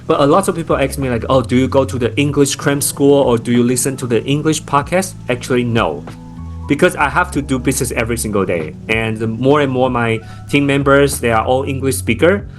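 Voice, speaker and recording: Soft music plays behind a man from Taiwan talking as a podcast guest about his startup. His first language is Chinese, and he speaks with a Taiwanese accent in a medium-pitched voice, a little quickly. He comes across as reflective, using many fillers and restarting often.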